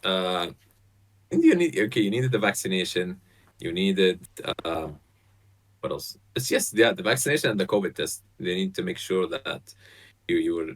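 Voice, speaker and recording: A young man in his twenties who grew up in Saudi Arabia, a podcast guest on a video call, talking casually with lots of fillers and restarts. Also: low-pitched. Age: 20s. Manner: relaxed, hesitant, many fillers and restarts. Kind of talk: casual chat. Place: bright apartment room, indoors. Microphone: headset on a video call.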